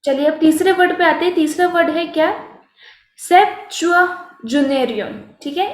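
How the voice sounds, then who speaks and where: High-voiced Indian woman teaching vocabulary. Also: echoey room. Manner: explains in mixed Hindi and English, self-correcting. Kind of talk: online vocabulary lesson.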